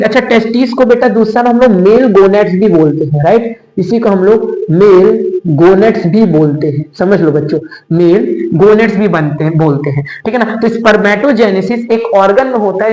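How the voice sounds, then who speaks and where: High-voiced chatty male biology teacher. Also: fairly quick, a little mellow, roomy sound, poor audio. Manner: chatty, calls students "beta", repeats terms, answers own questions. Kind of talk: online exam-prep lecture.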